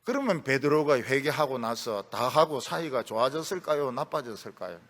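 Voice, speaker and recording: A man's voice: medium pitch, animated, moderate pace, fairly bright tone. A middle-aged man preaching a sermon as a pastor, telling stories with humor and acting out quotes. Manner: storytelling with acted quotes and humor, voice rising and dropping sharply.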